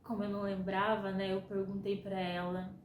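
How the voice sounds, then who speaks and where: A young Brazilian woman, a vlogger with a Brazilian Portuguese accent, tells a personal story in a relaxed, chatty way, acting out the lines of the people she quotes. Her voice is medium-pitched and normal-paced. The rough recording has an echoey room and slight background noise.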